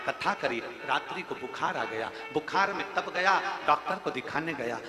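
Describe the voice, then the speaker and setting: Gentle, tearful elderly holy teacher, soft confessional tone, high voice in an echoey hall, voiced by a male preacher. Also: animated, normal speed, close to an everyday voice. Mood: tender. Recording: echoey hall with music behind.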